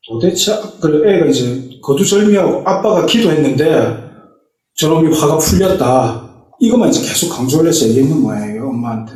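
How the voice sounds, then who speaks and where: Mellow middle-aged man telling a testimony. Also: fairly high pitch. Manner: storytelling, acting out family dialogue. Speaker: church deacon giving a testimony. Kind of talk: personal testimony told as a story. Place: church sanctuary. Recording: echoey church hall, mic far off.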